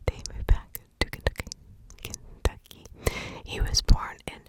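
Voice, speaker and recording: A woman whispers a true crime story in hushed ASMR style, pausing deliberately between short phrases.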